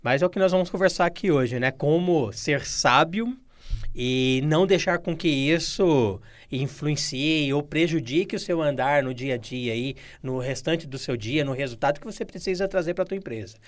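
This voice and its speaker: A man's voice: fairly high pitch, moderate pace. A man co-hosting a business podcast, speaking in a frank, slangy, casual way. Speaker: podcast co-host.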